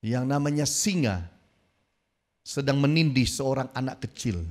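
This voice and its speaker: A male pastor preaching a sermon, telling a story dramatically and rising to near-shouts at its peaks. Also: medium pitch, unhurried.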